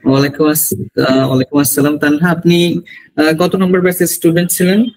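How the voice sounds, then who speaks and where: Guy hosting a video call, a bit high and husky, asks stuff slow and formal. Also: level tone, darkish tone, low-quality recording. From Bangladesh. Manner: measured, formal questioning. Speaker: host of visa coaching session. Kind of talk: online interview.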